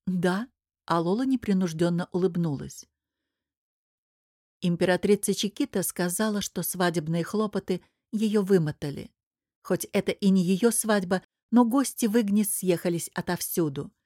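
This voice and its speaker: A woman reads a novel aloud in an even, measured way, her voice set fairly low. The sound is close and dry, with no room echo. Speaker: audiobook narrator. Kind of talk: scripted narration.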